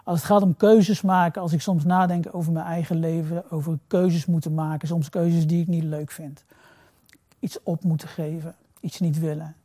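A man preaching a sermon in a reflective way. He repeats phrases for emphasis and drops to a soft, low voice on key words. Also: flat delivery, normal speed, no room sound, studio quality.

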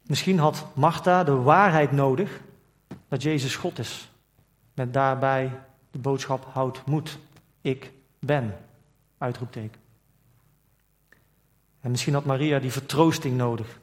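A man's voice: medium pitch, measured pace. A man preaching a sermon, asking reflective questions and reading scripture aloud in old formal wording. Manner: reflective, asks rhetorical questions.

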